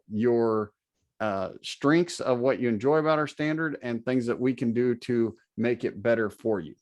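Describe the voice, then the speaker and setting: Male presenter on a video call, mid pitch, earnest and a bit self-deprecating, lots of "uh". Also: vocal fry. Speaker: guest presenter. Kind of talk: webinar presentation.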